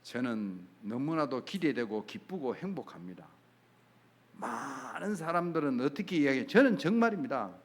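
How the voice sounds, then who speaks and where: Emphatic Gyeongsang-accented preacher, lively pitch. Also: male voice, moderate pace. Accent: Gyeongsang Korean. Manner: emphatic, sways from soft to loud, acts out dialogue. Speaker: pastor. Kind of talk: sermon.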